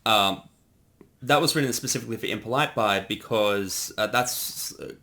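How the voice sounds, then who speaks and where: A fairly low-pitched male voice, pushed and bright, moves at a moderate pace. He's a co-host of a creator commentary on a parody series he directed, and he rambles with plenty of fillers and restarts.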